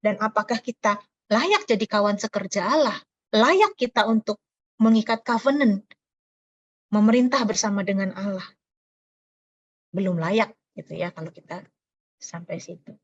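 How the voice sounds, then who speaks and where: A woman pastor giving a lively, conversational sermon with everyday examples, acting out sounds in her stories. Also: mid-range voice, normal speed, long pauses. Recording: muffled lo-fi recording.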